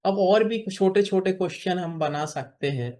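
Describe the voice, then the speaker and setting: A man tutoring beginners in spoken English over a video call, patient and encouraging, repeating example phrases slowly. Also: high voice, dark tone. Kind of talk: online spoken English lesson.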